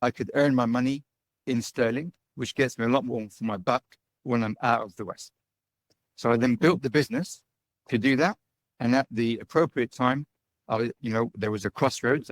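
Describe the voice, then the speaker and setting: Here a digital nomad and business owner from the UK, middle-aged, talks as an interview guest in a medium-pitched voice with no room sound. He's casual and chatty, habitually tagging what he says with "right?" and "you know."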